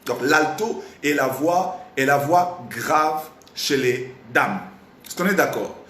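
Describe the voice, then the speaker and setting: A slightly hoarse man teaching a live online singing lesson, animated and repetitive, often stopping to quiz his audience. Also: fairly high pitch, slow. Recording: roomy echo, faint background noise.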